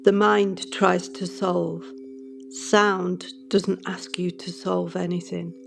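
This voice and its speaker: A sound healing guide giving scripted meditative narration in a measured, soothing manner. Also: mid-range voice, little pitch movement, vocal fry, a little hiss or hum.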